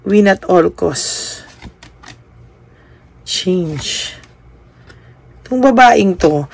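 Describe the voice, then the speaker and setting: A woman's voice: mid-range voice, gravelly. A young adult woman giving a tarot reading monologue, politely addressing the listener and ending phrases with a questioning tag, mixing in English words. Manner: polite, adds a questioning tag after nearly every phrase; mixes Tagalog with English words. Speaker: tarot reader.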